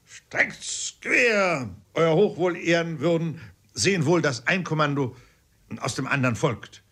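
A man's voice: on the high side, expressive, a little slow, pushed and bright, pitched above the performer's own voice, full character voice. A man reading an audiobook, voicing an eager old army corporal who barks his words like drill commands. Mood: shouting drill.

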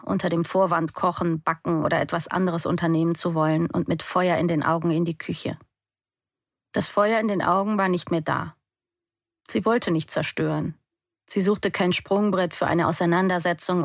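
A woman's voice: fairly low pitch, vocal fry, no echo, clean studio sound. A young adult woman giving an intense, emotional first-person audiobook narration.

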